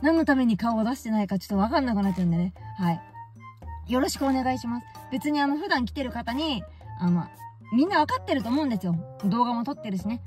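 Animated woman telling a casual story. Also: on the high side, quick pace, soft background music. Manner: animated, exclaiming, laughing at herself. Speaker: baseball fan vlogger.

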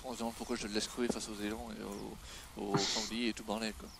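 A man's voice: fairly low pitch, little pitch movement, quick pace, gravelly, fairly bright tone. Man bantering over noisy game audio. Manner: joking, bantering. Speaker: gaming video player and commentator. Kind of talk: casual gameplay chat with a friend.

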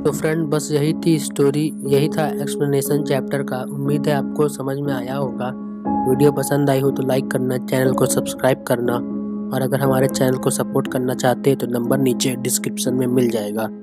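An online tutor slowly reading a story chapter aloud and explaining it to students. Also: mid-range voice, little pitch movement, over loud music.

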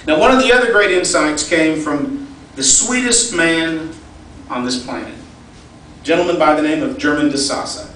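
A middle-aged man gives a folksy, personal fundraising speech built on storytelling, his fairly high voice a bit bright and moving at normal speed. The large event hall sounds echoey, captured from a distant mic with faint background noise.

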